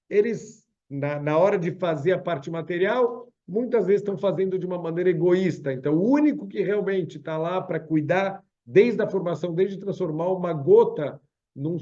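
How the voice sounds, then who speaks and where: A rabbi gives a religious lesson, telling stories and acting out their people. His voice is a little high for a man, with a mellow, soft tone. The video call audio sounds dull and lo-fi. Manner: storytelling, acts out parables with lively voices. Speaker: rabbi teaching Psalms.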